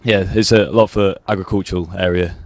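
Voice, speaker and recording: A man's voice: low voice, fairly even intonation, fairly quick. A young man from Lincolnshire, talking plainly and matter-of-factly in an interview. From Lincolnshire, England. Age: young adult. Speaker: university student, torch relay participant. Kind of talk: casual interview chat.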